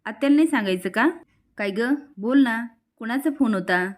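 A woman voicing a scheming, sharp-tongued middle-aged aunt in a serial recap, asking sarcastic, needling questions. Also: fairly high pitch, lively intonation, moderate pace, close to an everyday voice.

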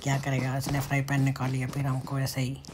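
A man giving casual commentary over his own mobile game matches, excitable and muttering to himself. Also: medium pitch, fairly quick. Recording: noisy with game gunfire behind. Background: gunfire and game sounds.

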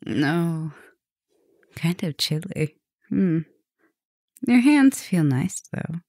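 In an intimate ASMR roleplay, a woman voices a soft-spoken, dominant vampire professor, murmuring affectionately and teasingly with a gravelly fry and a fairly low pitch. Her extremely slow, very animated delivery is a full character voice, flirtatious and teasing in mood. The sound is close and very dry, with no echo.

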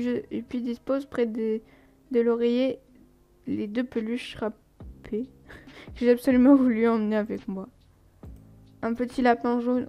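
A woman's voice: on the high side, mellow, highs cut off. A woman reading a story game aloud, stumbling over words and breaking off into chatty, giggling asides. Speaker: gaming streamer.

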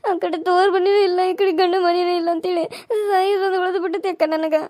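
A woman's voice: very high-pitched, little pitch movement, quick pace, a little mellow, no room sound, studio quality. A woman voicing a young pregnant village wife, crying and pleading. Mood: despairing. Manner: weepy, pleading, self-pitying. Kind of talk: cartoon serial voice acting.

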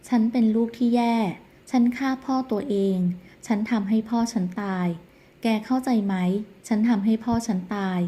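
A woman's voice: on the high side, moderate pace, dark tone, lightly acted. A woman reading a distraught grieving son. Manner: pleading, distraught. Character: grieving young man who just lost his father. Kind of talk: storyteller reading a drama recap.

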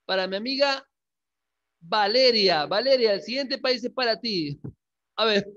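Man, teacher, bright high voice, slow careful drilling, slightly muffled recording. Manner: repeats words slowly to drill pronunciation; coaxing, checks in with frequent questions. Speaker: English teacher. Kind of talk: classroom lesson.

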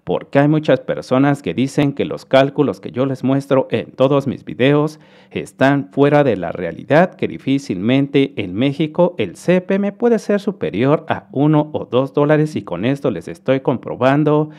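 A man's voice: mid-range voice, very animated, normal speed, darkish tone. A man from Mexico with a Mexican Spanish accent, hosting a screen-recorded commentary and explaining figures to viewers in a friendly way. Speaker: host.

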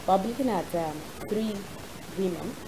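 A young woman, presenting a segment in casual studio chat, animated and quick to laugh. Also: medium pitch, background noise. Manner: animated, laughs often, acts out quotes. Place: TV studio, seated with co-hosts.

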